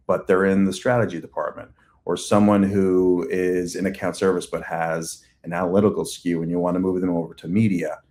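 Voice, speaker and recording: Man, forties, Long Island accent, low voice, rambling conversational answers. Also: a little mellow. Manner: talkative, uses many fillers and restarts. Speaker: agency CEO guest.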